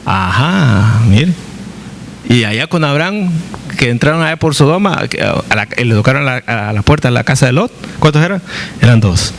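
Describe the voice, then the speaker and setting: A man's voice: mid-range voice, very animated, moderate pace, creaky, a little hiss or hum. A male pastor teaching a Bible study, who asks his congregation questions, answers them himself, jokes and acts out quoted voices.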